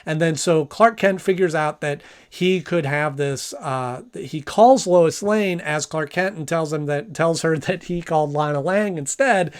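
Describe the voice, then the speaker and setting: A man's voice: on the high side, measured pace, few pauses, clean tone. A man giving a casual, conversational review and recap as a reviewer.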